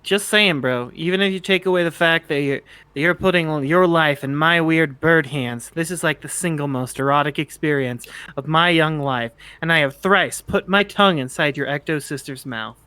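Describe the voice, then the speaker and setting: A man's voice: on the high side, moderate pace, hardly any pauses, pushed and bright, clean tone, dry recording. A man voicing a snarky, awkward teenage bird-boy sprite in an amateur fan fiction reading, rambling and stammering in casual slang. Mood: wry teasing. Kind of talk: amateur fan fiction read-aloud, character dialogue.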